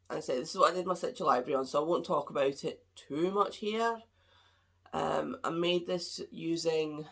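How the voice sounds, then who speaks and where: Recording at home, a craft podcast host talks about crafts in a deep, gravelly voice with a touch of brightness. She sounds stuffed up and a bit nasal from a cold, and her relaxed chat tends to ramble.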